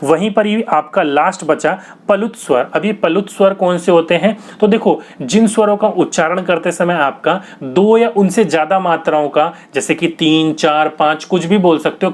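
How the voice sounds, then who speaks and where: A man's voice: a little high, moderate pace, hardly any pauses. A young man teaching a grammar lesson for exam prep, asking questions and answering them himself in a patient, repetitive way.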